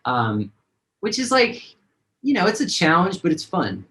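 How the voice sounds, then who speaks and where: A man's voice: high-pitched, wildly swooping pitch, measured pace, sharp tone, rough recording. A man, a singer-songwriter, talking casually and rambling with many fillers in a video-call interview.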